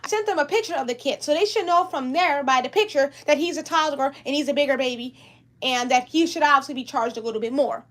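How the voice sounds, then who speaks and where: Brief: young woman, high voice, upset rambling livestream vlogger. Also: quick pace. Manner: upset, rambling, repeats herself. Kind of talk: livestream vlog talk.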